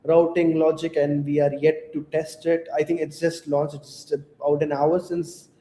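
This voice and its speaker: A man with a mellow, fairly high voice explains things steadily as co-host. The room is echoey, with a faint hiss underneath. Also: level tone. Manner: measured, explanatory, frequent "to be honest". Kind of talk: casual crypto show chat.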